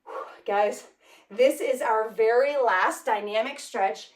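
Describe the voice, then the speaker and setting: A woman's voice: fairly high pitch, slow. Woman leading a workout, coaching while she moves, echoey room, mic kinda far off. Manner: energetic, coaching while exercising, counting out reps. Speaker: fitness instructor. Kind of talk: workout class cueing.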